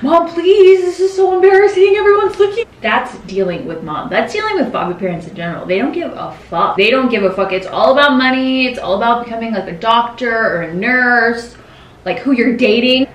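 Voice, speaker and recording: A woman co-hosting a casual podcast, telling animated family stories with lively voice swings. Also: on the high side, a little fast. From Filipino-American family. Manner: animated storyteller, acts out her mom. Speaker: podcast co-host. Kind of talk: casual chat. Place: home room. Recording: echoey room, faint noise.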